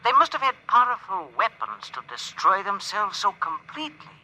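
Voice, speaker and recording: A man playing a gentle alien crewman in an old radio play, measured and wistful. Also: sits high, very animated, a little hiss or hum, heavily acted. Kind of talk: 1950s radio drama acting. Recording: dull old radio broadcast.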